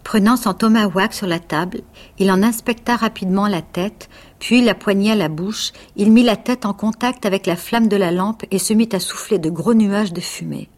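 An actress reading a passage from a novel aloud, with expressive, dramatic pacing. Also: female voice, medium pitch, moderate pace.

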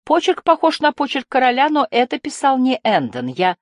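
A woman's voice: sits high, huge pitch swings, normal speed, no room sound, studio quality, voice pushed up. A woman reading the lines of a wounded, weary male warrior in an audiobook.

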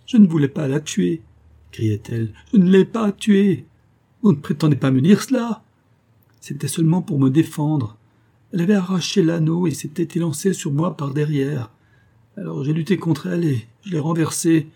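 A man's voice: medium pitch, normal speed, dark tone, slightly rough. A man reading an audiobook, voicing a frantic old woman innkeeper who pleads between sobs. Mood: frantic pleading. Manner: pleading, sobbing outbursts.

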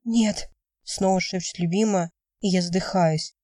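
A woman narrating an audiobook in first person with measured, steady reading. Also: lowish voice, no echo, recorded from a distance. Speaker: audiobook reader.

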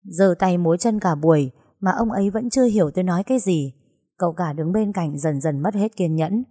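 A woman narrating a story in an even storytelling manner. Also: lowish voice, brisk, slightly rough.

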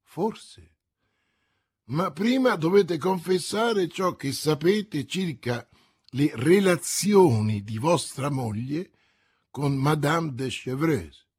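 A stern elderly cardinal, as a man puts him on, questioning slowly and with cold authority. The voice is husky and breathy, with wide swings of pitch. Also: expressive, darkish tone, full character voice. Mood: interrogating. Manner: stern, probing, deliberate.

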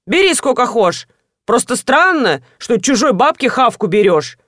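Brash rude shop lady, woman putting her on, loud and coarse, bouncy pitch. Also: big pitch swings, unhurried, dry recording, studio quality. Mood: brusque. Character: brash rude village shopkeeper woman, middle-aged.

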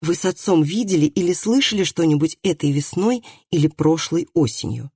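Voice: medium pitch, expressive, moderate pace, warm tone, husky, no echo, clean studio sound. A reader voicing an earnest man in an audiobook, who asks questions in a plain, matter-of-fact way. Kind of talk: audiobook dialogue reading.

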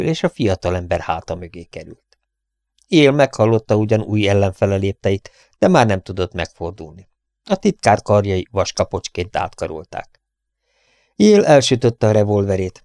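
A man reading scripted narration for an audiobook, in a steady, even way. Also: low-pitched, no room sound.

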